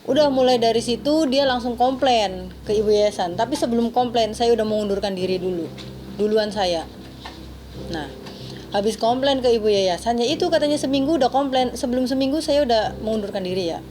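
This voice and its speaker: Woman, higher voice, recounting events close to tears, noisy press room. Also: fairly quick. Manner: tearful, recounting events in detail. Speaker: former housemaid. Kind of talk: press conference testimony.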